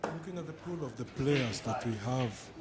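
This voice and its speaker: A man's voice: medium pitch, moderate pace. A man giving live darts commentary as the match goes on. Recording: clearly noisy live event sound.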